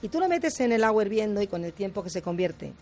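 Woman, radio guest, gravelly creaky voice, mid pitch, lively explaining, tag questions. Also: fast, soft background music. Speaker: guest speaker on difficult personalities. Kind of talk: radio talk chat.

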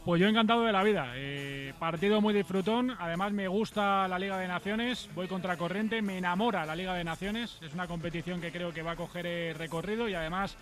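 High-voiced man chatting as sports pundit. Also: a little fast, a bit bright, soft background music. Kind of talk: enthusiastic panel chat.

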